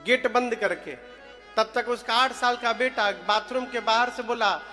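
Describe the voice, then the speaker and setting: A man's voice: very high-pitched, measured pace, sharp tone, faint music behind. A man preaching a devotional story sermon, telling stories, quizzing his listeners and singing short verse lines. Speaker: katha preacher.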